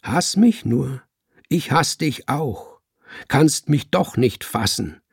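A man voicing a vengeful alley cat who taunts and threatens its old tormentor in slow, hard words. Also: medium pitch, lively intonation, creaky, breathy edge, no room sound, studio quality, pitched above the performer's own voice, full character voice. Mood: mocking.

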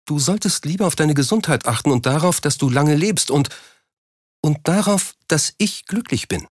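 A man reading an audiobook, voicing an unhappy, reproachful wealthy wife in a raised, softer voice. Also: fairly high pitch, animated, moderate pace, no room sound, studio quality, voice pushed up. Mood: outburst. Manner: softly reproachful, drops her voice. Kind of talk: audiobook character voice.

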